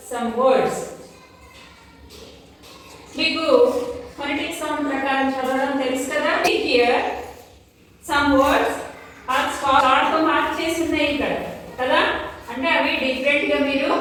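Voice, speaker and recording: A woman teacher leading a slow classroom phonics drill, saying words clearly for pupils to repeat. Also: high voice, a bit bright. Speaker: primary school teacher. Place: school classroom. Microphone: distant camera mic. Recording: echoey classroom from far off, faint noise. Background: children repeating in a classroom.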